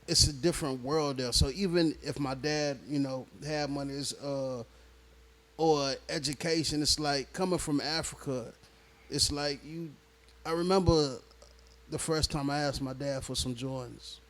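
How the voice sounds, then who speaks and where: Man, rapper guest, relaxed slang-filled storytelling, voice a bit higher than most men. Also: measured pace. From born in Nigeria, raised in Houston, Texas. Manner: laid-back, slang-heavy, keeps checking in with the listener. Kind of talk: casual interview storytelling.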